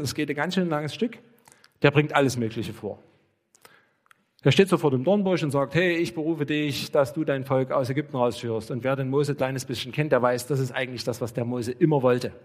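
A male pastor with a mid-pitched voice preaches a fairly quick sermon in a lively storytelling style, acting out snippets of dialogue along the way. He frequently turns to address the congregation directly and earnestly.

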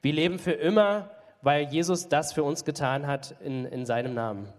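A man interprets a sermon phrase by phrase, stumbling with fillers and self-corrections as he goes. His voice sits a little high for a man. The sound carries the long reverb of a church hall. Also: moderate pace. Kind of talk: live consecutive interpreting of a sermon.

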